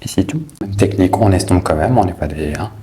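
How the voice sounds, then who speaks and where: A man's voice: low voice, a little fast, mellow. A man chatting through a makeup tutorial, teasing his viewers with playful asides.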